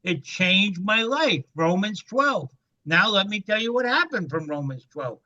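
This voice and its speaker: A man in his seventies tells a business testimony story to a group call, acting out the dialogue as an animated storyteller. His voice is high-pitched and unhurried, with the highs cut off in the recording.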